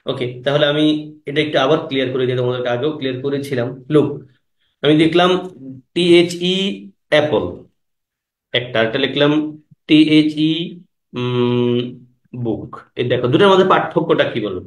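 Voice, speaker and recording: A man, teaching English grammar in an exam-prep class. He fires quick questions at the students and repeats the key words. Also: on the high side, echoey room.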